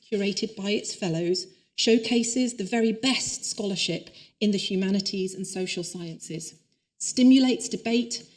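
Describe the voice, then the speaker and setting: A woman hosting an academic lecture, reading a formal, measured introduction before handing over to the speaker. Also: mid-range voice, a little mellow. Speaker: event host introducing the speaker. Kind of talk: read-out introduction. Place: lecture hall.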